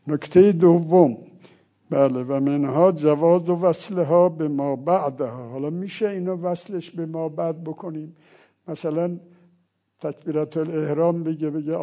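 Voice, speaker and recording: A man lectures on religious law in a seminary style, walking through each point in turn. His voice is gravelly and mellow, sitting a little high for a man. The recording is dull and lo-fi. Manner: explains step by step, recites Arabic phrases as examples.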